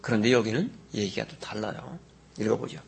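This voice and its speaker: A man preaching a sermon as a pastor. He reads scripture slowly and drawn out, then swings from loud exclamations to low asides. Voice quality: gravelly and husky. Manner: slow, drawn-out scripture reading.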